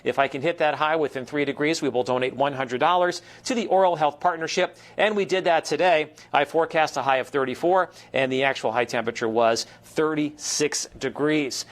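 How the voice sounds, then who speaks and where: Higher-voiced American man presenting the weather. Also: brisk, few pauses. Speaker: TV weather forecaster. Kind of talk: broadcast weather forecast, ad-libbed presentation.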